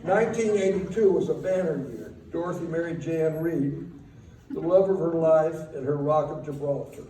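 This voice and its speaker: An older man gives a fond, wry eulogy, reminiscing in a halting, faltering way with pauses. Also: fairly high pitch, warm tone. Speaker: eulogy speaker. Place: speaking at a memorial gathering in a room. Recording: roomy, distant mic, faint noise.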